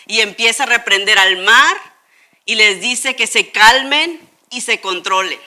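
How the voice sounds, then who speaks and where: A woman from Tijuana with a northern Mexican accent, telling a Bible story to a young congregation in a playful, animated way, with many rhetorical questions. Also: a little high. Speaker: children's church teacher. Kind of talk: lively Bible lesson sermon.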